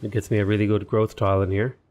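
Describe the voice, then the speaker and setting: A gaming YouTuber records casual let's play commentary on a strategy game, thinking aloud, rambling, and talking to his units. His voice sits on the low side with little pitch movement, a quick pace, and a slightly mellow tone. He sounds sniffly and a bit unwell.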